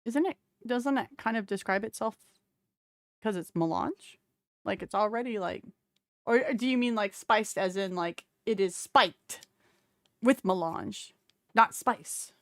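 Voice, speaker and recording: A woman's voice: medium pitch, a little slow, no echo, studio quality. A woman streaming, reacting to a game developer stream with chatty, playful commentary and frequent laughter.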